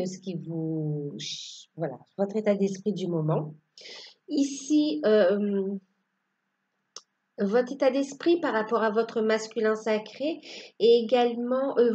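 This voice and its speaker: Slow-talking lady doing a tarot reading, husky mellow voice, lots of ums, kinda muffled lo-fi sound. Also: mid-range voice. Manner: hesitant, many fillers and restarts. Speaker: tarot card reader. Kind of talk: casual spoken tarot reading.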